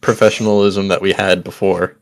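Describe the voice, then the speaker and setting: A man co-hosting a podcast with dry, deadpan remarks. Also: low voice, fairly quick, no room sound. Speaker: podcast co-host. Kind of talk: casual podcast banter.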